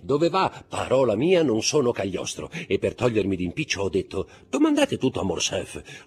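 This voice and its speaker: A man reading aloud and voicing a flustered young male official who dodges questions with ironic wit, in a raised, animated voice. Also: mid-range voice, slightly rough, pitched above the performer's own voice.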